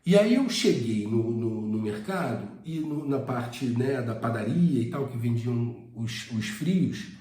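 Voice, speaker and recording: A man's voice: medium pitch, animated, takes it slowly, few pauses, warm tone, echoey room. A man from Brazil with a Rio de Janeiro accent, teaching a casual spoken lesson with frequent hesitations and repeated words. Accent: Rio de Janeiro Portuguese. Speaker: English teacher.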